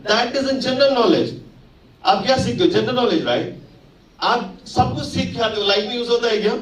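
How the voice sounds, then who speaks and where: Speaking with an Indian English accent, a man in his forties gives a motivational stage speech at a network marketing event in an extremely high voice at normal speed. He switches between Hindi and English mid-sentence and keeps firing rhetorical questions at the crowd, recorded in an echoey hall with the mic held away from his mouth.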